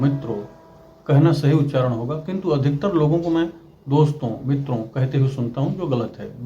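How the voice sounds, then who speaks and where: A man's voice: on the high side, warm tone, lo-fi sound. A man presenting a scripted lesson on correct word usage, precise and corrective in manner. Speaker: channel host and language teacher.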